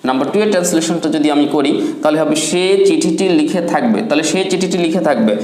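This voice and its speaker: A man teaching an English grammar lesson, asking the class questions and answering them himself, and drawing out his example sentences slowly. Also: a little high, darkish tone, echoey room. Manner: slow, drawn-out English example sentences between quick explanations.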